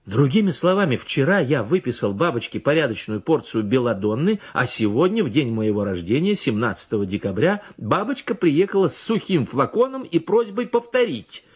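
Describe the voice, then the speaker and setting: Male audiobook narrator, expressive and measured, husky tone, lo-fi recording. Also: medium pitch. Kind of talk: audiobook reading. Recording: dull lo-fi recording.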